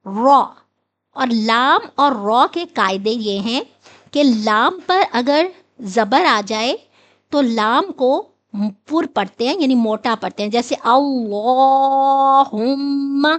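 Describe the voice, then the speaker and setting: A woman with a fairly high voice teaches recitation in a steady, patient way. She stretches out each demonstrated sound slowly so learners can follow. She sounds middle-aged and calm in her instruction. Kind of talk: instructional lesson.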